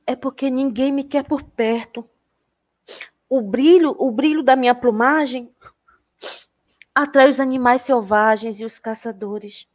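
A lonely little bird from a children's story, voiced by a woman storyteller. It speaks softly and plaintively in a raised voice. Its timid sadness colours every line. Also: sits high, unhurried, long pauses, lo-fi sound, pitched above the performer's own voice. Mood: sad.

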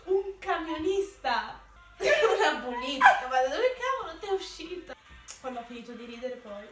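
A woman's voice: sits high, big pitch swings, normal speed. A young woman in casual game banter, exclaiming and repeating phrases with emphasis. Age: young adult. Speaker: video challenge participant. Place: small bedroom, indoors. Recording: roomy, distant mic, music behind.

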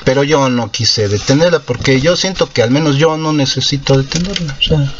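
A man's voice: medium pitch, brisk, highs cut off, background noise. A man, host of a guitar channel, explaining his cover in a rambling, self-correcting way full of fillers. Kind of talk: casual explanation after a sung cover. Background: acoustic guitar.

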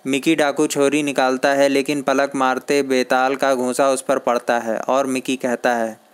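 A man narrating a comic book aloud in a steady, unhurried reading voice. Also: medium pitch, clean tone.

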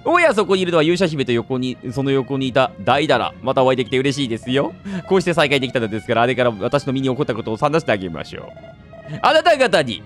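A man's voice: medium pitch, big pitch swings, quick pace, soft background music, lightly acted. A man voicing a cackling, gloating mad old scientist villain from a fantasy video game. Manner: gloating, theatrical.

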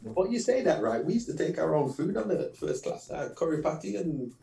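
A middle-aged man from England, a radio show guest telling lively anecdotes with laughs and repeated phrases. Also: fairly high pitch, brisk, gravelly, reverberant, a loud crowd, rough recording. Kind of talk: casual interview storytelling.

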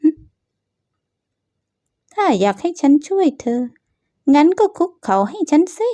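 A spiteful rich girl from a dubbed manga story, played by a woman with a high, sharp, sing-song voice that needles and gloats. She sounds smooth and mellow rather than harsh, and the recording is close and dry. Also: very animated, takes it slowly, no echo, heavily acted. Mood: smug. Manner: taunting, smug, sing-song. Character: scheming spiteful young woman, rich bully.

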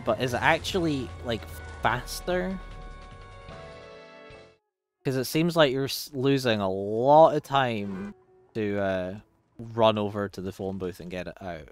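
A man's voice: medium pitch, a little slow, long pauses. A man casually commenting on his own speedrun as he plays, thinking aloud, swearing freely and poking fun at himself. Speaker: speedrunner streaming his run. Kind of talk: casual live commentary over gameplay. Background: faint game music.

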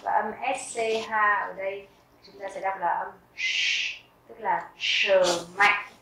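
A woman teaching a vocabulary lesson, reading each word twice slowly and carefully and explaining how to pronounce it. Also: mid-range voice, fairly even intonation, creaky, bright, forceful tone, echoey room, far from the mic, a little hiss or hum, poor audio. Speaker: German teacher. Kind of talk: slow vocabulary lesson with pronunciation drills.

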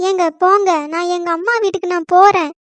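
A woman's voice: extremely high pitch, flat delivery, brisk, dry recording. A woman voicing a scheming young wife in a cartoon comedy, plotting in sly asides and putting on tearful complaints. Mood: aggrieved. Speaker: daughter-in-law.

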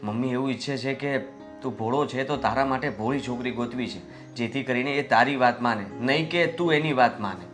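A man's voice: mid-range voice, a little fast, fairly bright tone, faint music behind, close to an everyday voice. An actor playing an obedient young son who pleads earnestly and respectfully with his father. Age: young adult. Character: obedient young son working in family office.

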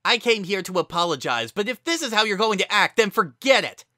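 A narrator doing a proud young pony mare, high and sharp. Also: female voice, very animated, measured pace, no echo, studio quality. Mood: angry. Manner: defensive, sharp-tongued. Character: young female pony unicorn student, proud and prickly.

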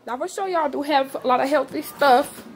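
A young woman with a slightly high voice chats casually through a grocery haul, listing items one by one with plenty of "uh"s and calling her viewers "y'all". She is filmed in her home kitchen on a handheld phone, with clear noise in the background. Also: quick pace. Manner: casual, chatty, addresses viewers as y'all, lists items with many fillers. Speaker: vlogger showing a grocery haul.

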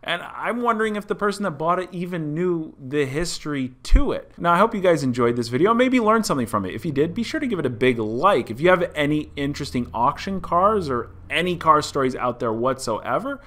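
A man's voice: fairly high pitch, very animated, fairly quick, hardly any pauses, fairly bright tone. A man in his thirties hosting a car channel, talking viewers through a story in a chatty, explanatory way from a room indoors. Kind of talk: casual vlog commentary. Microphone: desk mic in front.

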